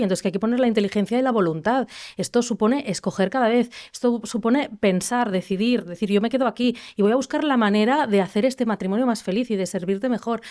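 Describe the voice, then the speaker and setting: A young Spanish woman co-hosting a podcast speaks reflectively in a panel conversation, frequently restarting her sentences and adding the tag question "¿no?" Her voice is medium in pitch and a little mellow.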